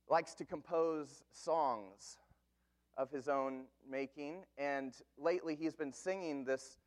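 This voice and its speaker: A man in his thirties, a pastor, preaching an earnest sermon with slow, emphatic phrases. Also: a little high.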